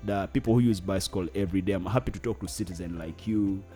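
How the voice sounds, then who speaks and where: Faint music runs under this interview, where a deep-voiced, mellow man talks quickly. He is a climate activist from northern Uganda, a guest with a Ugandan English accent, earnest in tone and frequently hunting for the right word.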